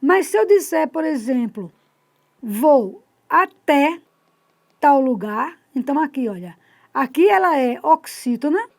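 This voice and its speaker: A woman with a high, light voice gives a casual grammar lesson. She talks through her examples step by step as she points to them, and often checks in with her viewers through short tag questions. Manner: explains step by step, points at a board. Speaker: Portuguese teacher.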